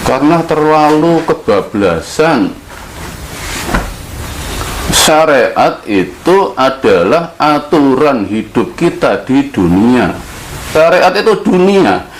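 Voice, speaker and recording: A man from Java giving an earnest monologue, slow and deliberate with long pauses. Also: medium pitch, a little hiss or hum, rough recording. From Java, Indonesia. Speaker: speaker.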